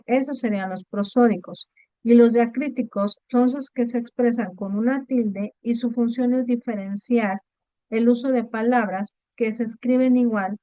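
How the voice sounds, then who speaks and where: A woman's voice: a little high, a little mellow, no room sound. A woman teaching an online class, explaining patiently and checking in with her students often. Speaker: online course tutor. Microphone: video call.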